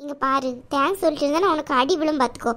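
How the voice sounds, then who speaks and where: A woman's voice: high voice, racing, a bit bright. A woman voicing a firm, bossy middle-aged cartoon aunt. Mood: firm caring. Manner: firm, bossy yet affectionate. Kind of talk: cartoon voice acting.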